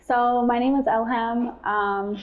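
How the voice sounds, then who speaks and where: A woman from Ethiopia, an accountant, calmly giving clear interview answers. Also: a little high, slow pace, narrow, tinny audio. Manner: calm, clear explanations. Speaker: accountant, guest.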